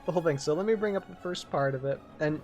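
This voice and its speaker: A man's voice: on the high side, quick pace, a little mellow, dull audio, faint music behind. A man hosting a casual live-stream chat, chatty and leading the segments. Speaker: podcast host.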